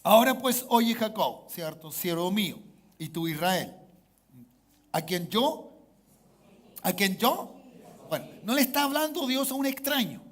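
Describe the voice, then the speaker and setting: A Chilean man with a Chilean Spanish accent, preaching a sermon as pastor, calling for amens and swinging between hushed asides and loud exhortation. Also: high voice, expressive, a little slow, pauses often.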